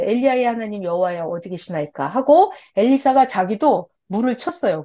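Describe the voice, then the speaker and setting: A woman preacher retelling a Bible story in a sermon and acting out the characters' lines. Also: on the high side. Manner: acts out the characters' lines in lively voices. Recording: dull lo-fi recording.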